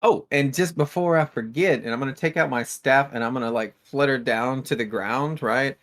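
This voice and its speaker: A man's voice: mid-range voice, moderate pace, fairly bright tone. A man casually describing his fairy character and its actions as a player in a tabletop game, rambling with lots of fillers.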